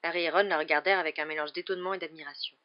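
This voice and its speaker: A calm audiobook narrator tells the story in an even, measured way, at a middle pitch. The recording sounds dull and lo-fi. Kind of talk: scripted narration.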